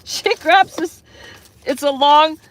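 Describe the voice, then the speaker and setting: A woman telling a story in a casual vlog, swearing freely and retelling a run-in with lively energy. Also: high voice, slow pace, a little hiss or hum. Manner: profane, animated retelling. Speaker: vlogger.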